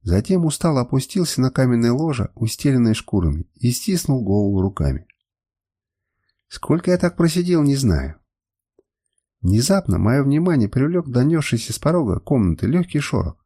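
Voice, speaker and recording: A man narrating an adventure audiobook in the first person, his voice husky and mellow. He colors the lines with a lively, wide-ranging delivery. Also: mid-range voice, moderate pace. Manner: emotional first-person storytelling.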